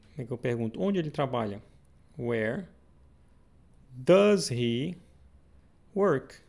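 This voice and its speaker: A man teaching English as a recorded lesson, explaining step by step and repeating example questions slowly. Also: mid-range voice, gravelly, a little mellow.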